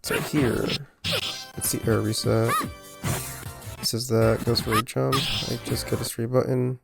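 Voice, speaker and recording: A man giving careful, unhurried commentary on a replay of his own fighting game match, with muttered self-critical asides. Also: medium pitch, level tone, vocal fry. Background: music.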